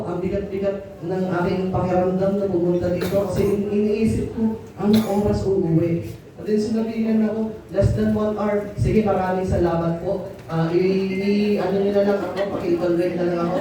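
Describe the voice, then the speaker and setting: A man's voice: high voice, mellow. Jokey man lecturing in an echoey hall. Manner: playful, teasing, mixes in English. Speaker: workshop speaker for teachers. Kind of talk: joking seminar talk. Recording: echoey hall, speaker far from mic.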